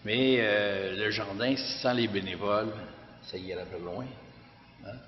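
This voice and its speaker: A man with a deep Québécois voice tells an audience about his community garden. His talk is halting, full of "euh" and restarts. The sound is a dull lo-fi recording with a long echo from the hall. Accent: Québécois French. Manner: hesitant, many fillers and restarts. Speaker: director of a community garden organization. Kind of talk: public testimony talk.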